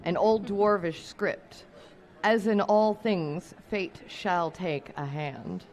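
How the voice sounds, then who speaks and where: A woman with a scratchy voice, slowly reading card flavor text aloud during a board game session. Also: lowish voice, a little mellow.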